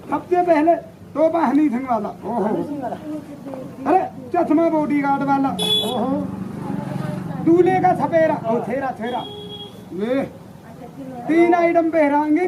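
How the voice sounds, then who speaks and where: A man performing a rowdy, teasing comic street show for a crowd, switching between the voices of his characters. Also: very high voice. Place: outdoors on a busy street. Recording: noisy outdoor crowd recording.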